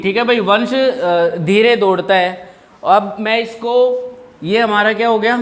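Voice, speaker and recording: In a classroom lesson, a young male teacher with a high-pitched, somewhat bright voice covers English grammar. He speaks Hindi mixed with English and trades jokes with his students.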